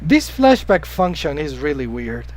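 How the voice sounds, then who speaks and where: A rough, low-quality recording with a bit of hiss or hum carries a man's higher, sing-song voice at an unhurried pace. He's a Spanish-first-language gamer live-streaming, rambling chattily with viewers, greeting and replying to chat, with the odd cough because he has been sick.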